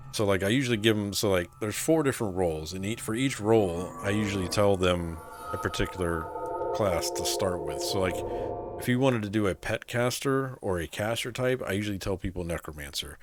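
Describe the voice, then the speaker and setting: Deep-voiced guy streaming a game, super laid back, lots of um and so like. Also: fairly quick, over music. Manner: laid-back, answers chat, many fillers like "so, like" and "um". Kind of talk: casual live-stream chat.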